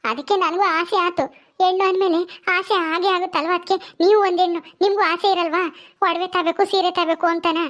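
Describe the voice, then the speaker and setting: A woman's voice: extremely high pitch, fairly even intonation, a bit bright. A woman playing a tearful young village wife who pleads and pities herself, speaking. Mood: pleading. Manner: tearful, pleading, with many drawn-out "hmm"s.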